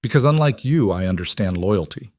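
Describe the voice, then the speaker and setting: A man's voice: fairly low pitch, lively intonation, brisk, a little mellow, no echo, studio quality. A man voicing a bitter, scheming male traitor who taunts his captors in a spoken story. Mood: defiant. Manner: spiteful and taunting.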